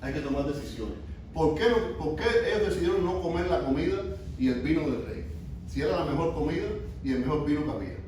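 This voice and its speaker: A man's voice: on the high side, animated, fast, darkish tone, slight background noise. A man from Cuba, a youth pastor teaching a sermon who asks his listeners questions and often restarts his phrases. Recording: echoey room, mic from far off.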